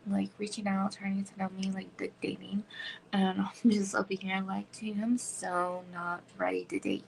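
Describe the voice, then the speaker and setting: A woman's voice: medium pitch, gravelly, a little hiss or hum, rough recording. A woman in her thirties chatting casually on a home livestream, rambling with many "like" fillers and slipping into whispers. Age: 30s. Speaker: livestream host. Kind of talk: casual chat.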